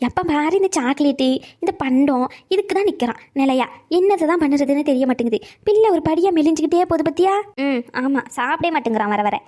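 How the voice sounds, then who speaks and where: A woman's voice: high-pitched, darkish tone. A woman voicing a talkative elderly grandmother in a cartoon who gossips and scolds, then coaxes and pleads with her granddaughter. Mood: gossiping. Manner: scolding gossip turning to coaxing pleas. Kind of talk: cartoon voice acting.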